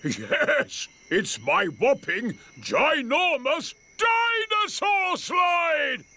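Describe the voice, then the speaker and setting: Grampy Rabbit, a boisterous old rabbit. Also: male voice, high voice, wildly swooping pitch, slow, husky, full character voice. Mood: jolly. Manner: boisterous and playful. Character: jolly old grandad rabbit. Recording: cartoon with loud music underneath.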